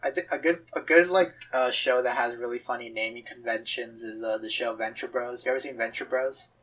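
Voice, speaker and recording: A man in his twenties, a guest artist, chats casually while sketching, joking and laughing often in a giggly way. His mid-range voice is steady, fairly bright, and husky, on a rough recording.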